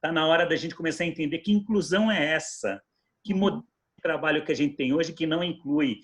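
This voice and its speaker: A man's voice: a little high, quick pace. A middle-aged man from Bahia with a Bahian Brazilian accent, sharing earnest, reflective remarks in an online discussion. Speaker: people and technology manager, roundtable participant.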